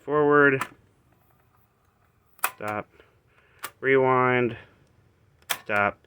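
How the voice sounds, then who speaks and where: Recorded on a handheld phone, with phone-quality sound and slight background noise, a vlogger speaks very slowly in a medium-pitched voice. He casually shows off a vintage reel-to-reel tape recorder without a script, rambling and trailing off.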